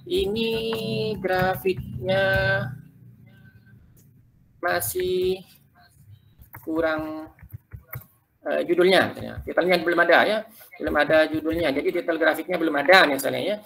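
A man leading a quick, loose tutorial for teachers, talking them through slides step by step. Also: a little high, vocal fry, fairly bright tone, a little hiss or hum. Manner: quick, loose explaining, keeps addressing listeners as "Bapak Ibu". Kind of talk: live screen-share tutorial.

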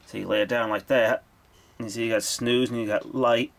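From behind a handheld camera, a man offhandedly demonstrates a vintage radio in an informal, hands-on video. His medium-pitched voice is gravelly, steady in tone and at normal speed. Background noise and handling clicks are audible.

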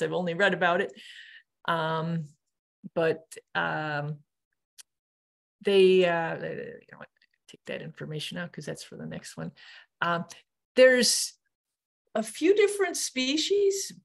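A woman's voice: lowish voice, slow, vocal fry, pauses often. A woman hosting a nature show, talking casually over her slides with plenty of ums and restarts. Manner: relaxed, many ums and restarts.

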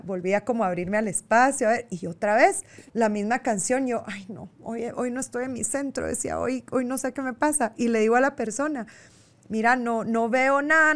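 A woman with a fairly high voice, talking as a guest in a relaxed conversation. She is chatty and keeps chiming in with agreement as she tells her own anecdotes. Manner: chatty, quick to agree and laugh along. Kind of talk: casual conversation.

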